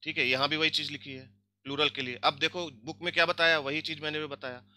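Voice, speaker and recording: A man's voice: fairly high pitch, fairly even intonation, fast talker, pushed and bright, clear, resonant tone. A man teaching an online grammar lesson, mixing Hindi with English and drilling word forms aloud, asking questions and answering them himself. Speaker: language teacher.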